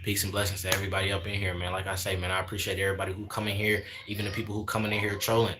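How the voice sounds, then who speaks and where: A man's voice: deep voice, little pitch movement, rapid-fire, noisy background. A man in his twenties chatting casually on a livestream, preaching in a repetitive way and sprinkling in "man" and "y'all". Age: 20s. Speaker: livestream host.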